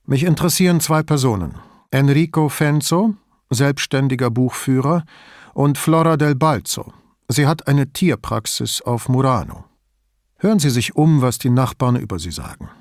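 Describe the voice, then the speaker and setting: A man voicing an older male police commissioner who speaks calmly and wryly. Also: mid-range voice, normal speed, no room sound, natural voice. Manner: calm, dry, wry. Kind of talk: audiobook character voice.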